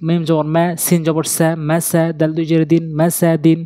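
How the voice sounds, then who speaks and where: A man teaching Quran reading, spelling out syllables in a slow, sing-song drill. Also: a little high, completely flat delivery, warm tone, smooth, no room sound.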